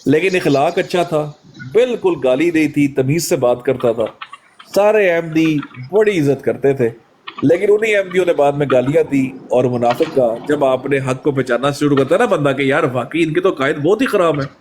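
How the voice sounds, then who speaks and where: A man, chatting in an interview and telling animated stories, often acting out the quoted exchanges. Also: on the high side, moderate pace, a little hiss or hum. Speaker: guest. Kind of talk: casual conversational interview.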